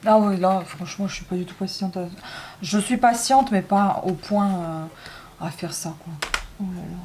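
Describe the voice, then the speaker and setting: A woman's voice: mid-range voice, fairly even intonation, normal speed, dark tone. Woman vlogging, chatty and grumbly, cracks jokes, a bit of faint hiss. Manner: chatty, joking, grumbling, lots of "hein". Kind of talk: casual chat vlog.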